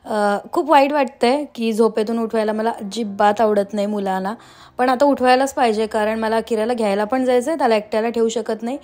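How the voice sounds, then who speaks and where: A woman in her thirties, a homemaker vlogging casually at home, chatty with frequent pauses and fillers. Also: fairly high pitch, steady tone, darkish tone. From Maharashtra, India. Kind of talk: casual vlog chat and voice-over.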